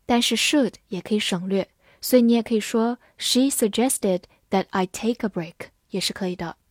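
A woman teaching English vocabulary in Chinese. She spells each word letter by letter and reads the example sentences slowly and carefully. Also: mid-range voice, no room sound, studio quality.

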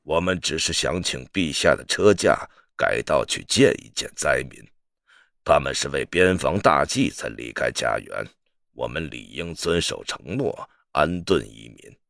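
Give me a solemn old general, loyal and grave. The voice sits very low and moves slowly, each sentence weighed. It sounds close and dry, like an audiobook studio. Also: male voice, lively intonation, vocal fry, fairly bright tone, no room sound, full character voice. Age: older. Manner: grave, measured. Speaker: voice actor in an audio drama.

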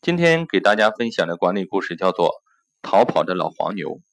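Low-voiced male storyteller. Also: sing-song, fairly quick. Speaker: host and storyteller.

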